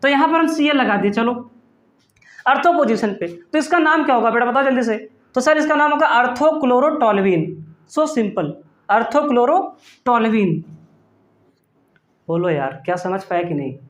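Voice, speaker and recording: A man's voice: very high voice, animated, fairly quick, roomy sound. A male chemistry teacher giving an online class, playful and teasing, calling his students "beta" and answering his own questions. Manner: calls students "beta" affectionately.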